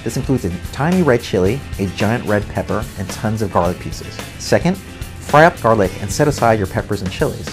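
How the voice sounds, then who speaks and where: A man's voice: fairly low pitch, expressive, brisk, over music. A man narrating a food and wine show, explaining recipes step by step in an upbeat way. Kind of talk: cooking show voice-over narration.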